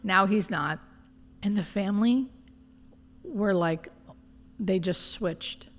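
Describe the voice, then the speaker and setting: A woman's voice: mid-range voice, slow, in a large hall. A woman speaking as a hospice nurse being interviewed, telling stories candidly and informally and often acting out bits of dialogue. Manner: informal, expressive, often quoting imagined dialogue. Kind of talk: candid conversational storytelling.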